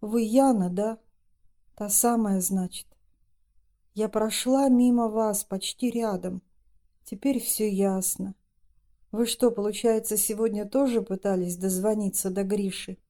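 A woman's voice: medium pitch, fairly even intonation, unhurried, mellow, close to an everyday voice. A woman voicing a stern, nervous middle-aged wife who speaks in a pressing tone.

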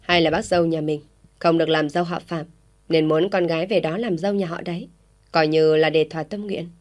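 A woman voicing a vain, sharp-tongued middle-aged village wife who scolds and grumbles. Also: low-pitched, steady tone, fairly quick, lightly acted. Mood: scolding. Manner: scolding, snappish.

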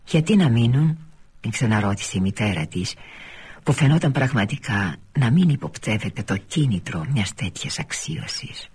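Very husky man reading a novel. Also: lowish voice, animated. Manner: measured, often sinking to a near-whisper. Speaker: reader. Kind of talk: literary novel read aloud on radio.

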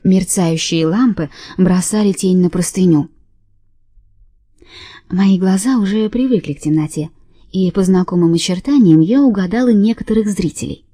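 A woman reads a first-person story in an even, measured way. Her voice is mellow and warm. The recording is dry and close to the mic. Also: medium pitch, dry recording. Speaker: audiobook narrator. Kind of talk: scripted first-person narration.

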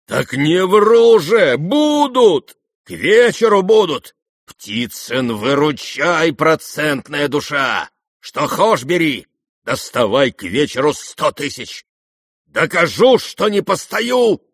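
A man voicing a reckless, drunk young male merchant who shouts and drags out his boasts. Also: a little high, very animated, no room sound, clean studio sound, voice pushed up, full character voice. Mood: boisterous. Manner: shouting, drawn-out bragging.

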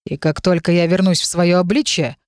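A woman voicing a proud, grumpy male dragon who speaks from inside the heroine's head, suspicious and quick to growl. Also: on the low side, fairly even intonation, darkish tone, no room sound, studio quality, natural voice. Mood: indignant.

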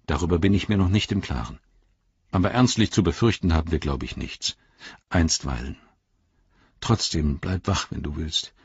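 A man reading an audiobook and voicing a weary, gentle male hobbit hero who speaks quietly, earnestly and broodingly. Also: deep voice, normal speed, long pauses, breathy edge, no echo, highs cut off. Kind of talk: audiobook character voice.

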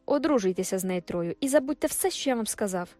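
A woman's voice: lively intonation, fast talker, mellow, dry recording, faint music behind, lightly acted. A woman voicing an agitated, jealous middle-aged farmer in an audiobook, pleading and strained. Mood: anguished. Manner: pleading, strained, high-pitched outbursts. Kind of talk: audiobook character voice.

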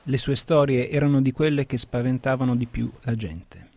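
A man reading passages from an adventure novel aloud in a measured, storytelling way on a radio program. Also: medium pitch, fairly even intonation, a little mellow. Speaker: reader of literary excerpts. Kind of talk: scripted literary reading.

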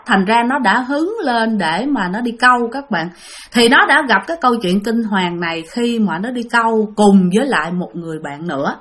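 A woman hosting a channel and telling a ghost story aloud, speaking chattily to her listeners with dramatic pauses. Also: mid-range voice, fairly bright tone. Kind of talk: spoken ghost story narration.

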